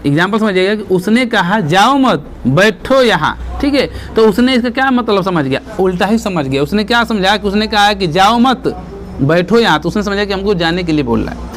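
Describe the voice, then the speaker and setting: High-voiced male grammar teacher. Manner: explains step by step, reads verse examples slowly, repeats "ठीक है" and "देख रहे हैं ना". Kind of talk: exam-prep grammar lesson.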